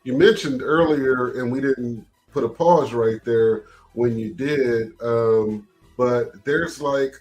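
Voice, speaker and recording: Male interview host, unhurried delivery, rambling questions with many fillers. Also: mid-range voice, a little mellow, faint music behind. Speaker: podcast host. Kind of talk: casual interview talk.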